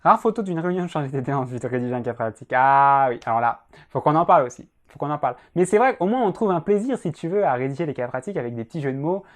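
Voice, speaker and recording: A man's voice: a little high, lively intonation, quick pace, hardly any pauses. Chatty young man reacting to jokes. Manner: chatty, self-mocking, frequent "euh" and "hein". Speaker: law teacher reacting to tweets. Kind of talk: casual commentary.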